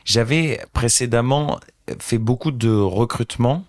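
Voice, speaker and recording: A man's voice: medium pitch, measured pace, no room sound, clean studio sound. A man in his thirties from northern France, a company founder telling his story earnestly and thoughtfully as a podcast guest. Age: 30s. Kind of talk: casual interview chat.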